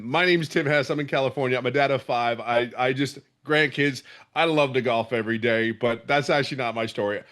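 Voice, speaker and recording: A man's voice: medium pitch, a bit bright. A middle-aged man from Philadelphia, speaking with a Philadelphia accent, gives a passionate, emphatic testimonial and often repeats himself. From Philadelphia, USA. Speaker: program member giving a testimonial. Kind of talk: emotional testimonial on a video call.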